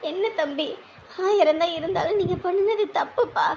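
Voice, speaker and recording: An actress playing a fretful middle-aged aunt who scolds and laments. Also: female voice, extremely high pitch, normal speed, darkish tone, slight background noise. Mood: reproachful. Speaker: aunt of the bride. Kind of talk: TV drama acting.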